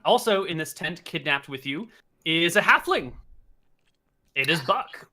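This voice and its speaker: A man's voice: fairly high pitch, pushed and bright. A man narrating a tabletop game as game master, with casual, rambling narration full of fillers.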